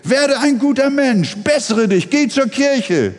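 A preacher putting on the shrill voices of scolding adults who lecture a delinquent with hammering reproaches. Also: male voice, expressive, slow pace, big-room sound, heavily acted.

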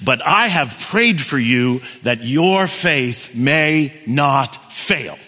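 A man preaching a sermon in measured phrases, pausing after each one for an interpreter. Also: mid-range voice, lively intonation, sharp tone. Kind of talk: sermon delivered with live interpretation. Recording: long hall reverb.

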